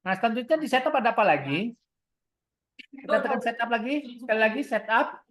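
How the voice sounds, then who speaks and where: A woman with an Indonesian accent, a product trainer, walks through an online equipment tutorial step by step in a fairly high, animated, slightly fast voice. Instructing as a software tutorial, she often asks questions and then answers them herself.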